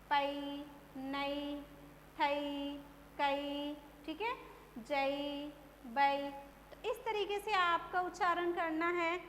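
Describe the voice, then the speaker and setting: Woman teacher, high voice, unhurried lesson pace with long reverb around her. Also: sharp tone. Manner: slow drawn-out drilling of words, then brisk explanation. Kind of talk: Hindi phonics lesson for children. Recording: echoey room, faint hum.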